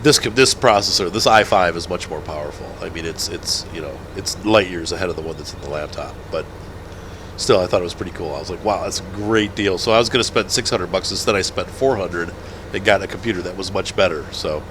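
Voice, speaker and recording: A gaming channel host with a head cold and blocked nose chats casually through a let's-play of a farming game, rambling, chuckling and correcting himself. His voice is deep and fairly quick. The background is noisy.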